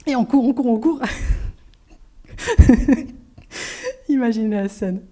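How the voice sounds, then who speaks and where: A middle-aged Swiss woman preaches in church, sharing her personal testimony as a sermon with the lively energy of a storyteller. Her warm, mellow, fairly high voice moves slowly, sinking to near-whispers and rising to bright exclamations.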